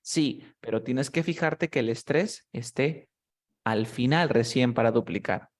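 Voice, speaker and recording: A young man with a mid-pitched voice teaches a one-on-one grammar lesson. He lays out each rule step by step, patient and steady. He keeps pausing to ask whether his student has understood. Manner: patient, explains step by step, often checks understanding. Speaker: English teacher.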